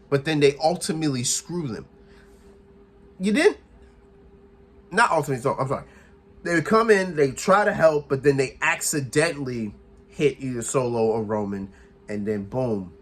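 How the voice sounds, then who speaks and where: A man's voice: medium pitch, a little hiss or hum. Hyped young guy breaking down a wrestling show, voice jumps up and down a lot, keeps laughing. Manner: excitable, laughs often, acts out wrestlers' quotes. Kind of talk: casual recap and commentary.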